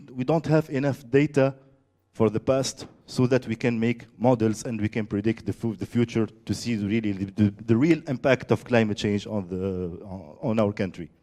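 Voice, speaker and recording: Brief: male presenter, mellow and warm, hesitant with lots of uh's. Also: medium pitch. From Tunisia. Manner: halting, searching for words with many fillers. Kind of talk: conference presentation.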